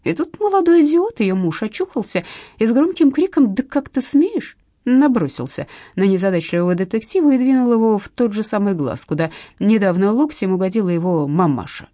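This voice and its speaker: A woman reading a comic detective novel aloud in measured, expressive audiobook narration. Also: mid-range voice, no room sound, studio quality.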